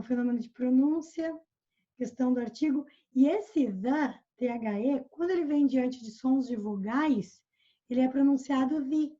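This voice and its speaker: High-voiced Brazilian woman teaching. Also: dark tone. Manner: patient, explains slowly and repeats examples. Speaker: English teacher. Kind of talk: online English lesson. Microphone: video call. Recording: muffled video call audio.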